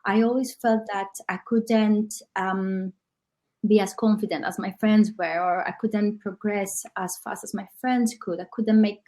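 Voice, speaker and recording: A woman from Greece, a coach who speaks as guest in an online workshop, reflective and often pausing with um. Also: mid-range voice, fairly even intonation, darkish tone. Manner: reflective, with frequent ums.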